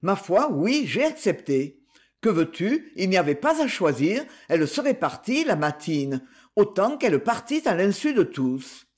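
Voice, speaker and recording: A man reading a calm, coolly ironic husband. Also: sits high, measured pace. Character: calm, slight husband telling a grim tale lightly. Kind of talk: audiobook reading.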